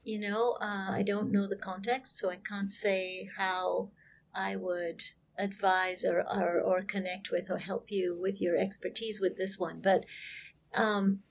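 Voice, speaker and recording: A woman's voice: medium pitch, level tone, measured pace. Female co-host, reflective advice-giving tone, casual; faint noise under the voice. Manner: thoughtful, searching for words. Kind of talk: casual podcast chat.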